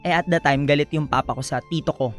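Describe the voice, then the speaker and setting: A young man, a guest on a radio talk show, telling his life story in a soft-spoken, polite way, often slipping into English. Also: a little high, fast talker, soft background music. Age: young adult. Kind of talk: personal storytelling interview.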